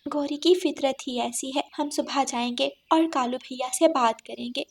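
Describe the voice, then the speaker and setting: A woman voicing a kind female sparrow in a cartoon, soft and soothing. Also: high voice, steady tone, moderate pace, vocal fry. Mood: gentle.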